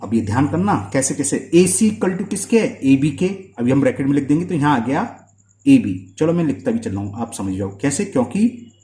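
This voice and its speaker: A man's voice: mid-range voice, big pitch swings, warm tone, reverberant. A man teaching a school maths lesson at the board, often stopping to ask if students follow. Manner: checks understanding often with quick questions.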